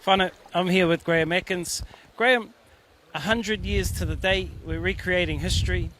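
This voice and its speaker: A man's voice: sits high, steady tone, normal speed, a bit bright. A man with a Māori New Zealand English accent reporting on location as a news presenter outdoors. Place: outdoors by a river valley. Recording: outdoor location with background vehicle noise.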